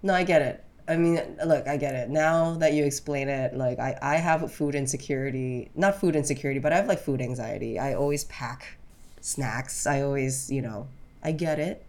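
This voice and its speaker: A young woman co-hosting a casual chat, telling stories in an animated way and getting loud when riled. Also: a bass voice, normal speed. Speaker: podcast co-host.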